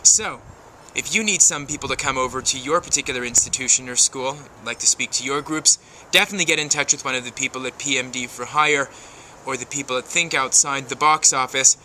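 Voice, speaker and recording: Bright-voiced man vlogging from his backyard. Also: medium pitch, slight background noise. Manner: chatty, self-promoting, musing aloud. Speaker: video blog host. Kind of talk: casual vlog monologue.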